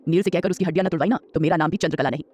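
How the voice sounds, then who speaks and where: A man's voice: a little high, racing, darkish tone, lightly acted. A man voicing a fond, teasing old grandmother. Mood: playful scolding. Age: older. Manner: coaxing, scolding with affection. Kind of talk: audio drama storytelling.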